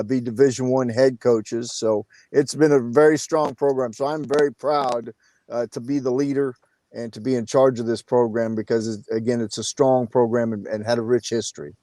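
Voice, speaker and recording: Man, 50s, basketball coach, casual interview, filler-heavy, mid pitch, dry. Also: steady tone, moderate pace, a little mellow, no echo. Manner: many uh fillers, plain-spoken.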